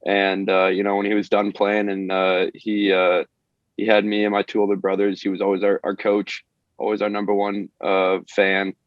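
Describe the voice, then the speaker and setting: A man's voice: on the low side, monotone, normal speed, dry recording. A young man from Maine, a college baseball player answering interview questions hesitantly, with many fillers and restarts, on a dull lo-fi recording. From Maine, USA. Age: young adult. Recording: dull lo-fi audio.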